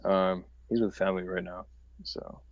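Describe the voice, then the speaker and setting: Young male co-host, low voice, loose rambling chat full of fillers. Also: little pitch movement, moderate pace, gravelly, dry recording, muffled recording. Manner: laid-back, rambling with many fillers. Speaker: livestream co-host. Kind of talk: casual chat.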